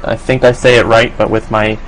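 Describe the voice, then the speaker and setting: A man with a New York accent giving relaxed, filler-heavy solo play-by-play commentary on a strategy game. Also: on the low side, a little fast, slight background noise, low-quality recording. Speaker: esports commentator.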